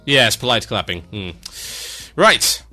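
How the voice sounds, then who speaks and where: A man hosting an internet radio show, reading out listener shout-outs with dry, sarcastic, mock-grand asides. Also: medium pitch, big pitch swings, takes it slowly, over loud music.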